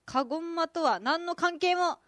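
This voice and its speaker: A woman's voice: very high voice, normal speed, a bit bright, no room sound. A woman hosting a radio show, chatting casually and laughing often as she reads listener mail. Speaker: radio host. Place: radio studio.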